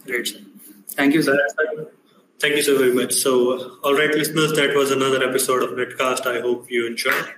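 A man's voice: mid-range voice, flat delivery, brisk, a bit bright, a little hiss or hum, low-quality recording. A young man with an Indian accent, politely and deferentially hosting a podcast interview. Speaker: podcast host.

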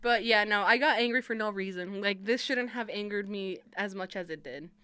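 A woman's voice: medium pitch, normal speed, bright, forceful tone, smooth, dry recording. Chatty young woman, dry close sound. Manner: chatty, laughing, swearing, rambling. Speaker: podcast co-host. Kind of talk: casual chat.

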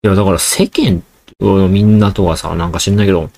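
Male solo podcaster, casual and rambling, addresses listeners directly, quick delivery. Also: deep voice, steady tone, vocal fry, a little mellow. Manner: rambling, joking, talks straight to listeners. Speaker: podcast host.

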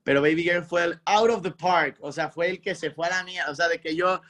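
A young man with a Mexican accent, a musician guest in a casual interview, talking in an animated, slangy way and acting out his own reactions. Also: fairly high pitch, fairly quick.

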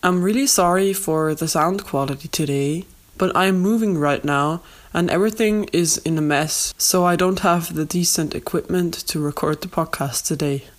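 A young adult woman hosting a podcast, speaking in an earnest, steady and explanatory way, recorded with makeshift low-quality equipment. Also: moderate pace, few pauses. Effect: low-quality makeshift recording without proper equipment. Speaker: podcast host. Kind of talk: podcast monologue, personal advice.

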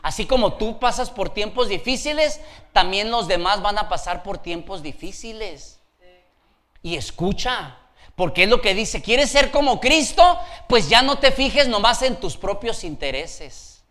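A man preaching a sermon as pastor. He is lively and playful, laughs as he goes, and calls out to the congregation for responses. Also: sits high, unhurried.

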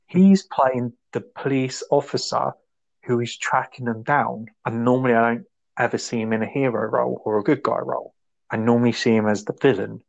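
A man's voice: fairly low pitch, gravelly. A man casually chatting about a film, enthusiastic and rambling. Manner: enthusiastic, rambling, acts out quotes. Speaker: podcast co-host. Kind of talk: casual film review chat.

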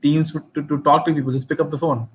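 A man's voice: on the high side, level tone, fast talker, a little hiss or hum. A man with an Indian accent interviewing casually, repeating words as he builds his point. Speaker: interviewer and investor.

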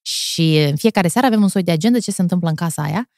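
A woman in her thirties, a TV presenter with a Moldovan Romanian accent, telling stories in a lively way with quick laughs and animated pitch jumps. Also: no room sound, clean studio sound. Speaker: TV presenter, podcast guest. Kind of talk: casual chat.

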